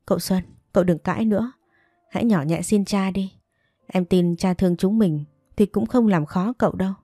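A woman's voice: mid-range voice, moderate pace, dark tone, dry recording, clean studio sound, faint music behind, close to an everyday voice. A woman voicing a young mandarin's daughter who pleads through tears while scheming. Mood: pleading tearful. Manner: pleading, tearful.

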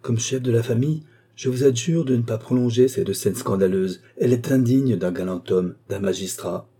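A man's voice: medium pitch, moderate pace, mellow, husky. A man voicing a pompous, self-important middle-aged aristocrat in a read-aloud novel, speaking with haughty declamation.

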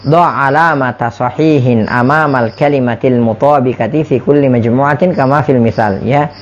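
A man's voice: medium pitch, moderate pace, dull audio. A man with an Indonesian accent teaching an Arabic lesson, repeating words and quizzing his students. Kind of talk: classroom lesson.

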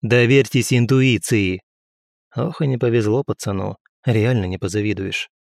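A man's voice: fairly low pitch, brisk, creaky, darkish tone, no room sound. A man reading a first-person audiobook in a wry, dry way. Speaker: narrator.

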